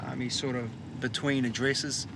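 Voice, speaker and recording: A man's voice: mid-range voice, level tone, normal speed, vocal fry. A man with a New Zealand accent talking informally as a police officer on the scene. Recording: noisy outdoor street, vehicle sounds.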